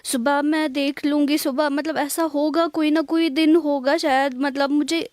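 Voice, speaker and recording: A young woman from Kashmir, speaking softly and hesitantly in a tearful interview. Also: sits high, flat delivery, no echo, studio quality. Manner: soft-spoken, hesitant, many pauses and fillers. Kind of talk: emotional interview.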